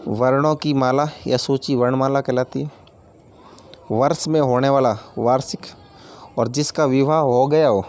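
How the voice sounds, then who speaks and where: A man's voice: medium pitch, darkish tone. A man teaching a grammar lesson, explaining each word with everyday examples and repeating key terms, addressing viewers as friends.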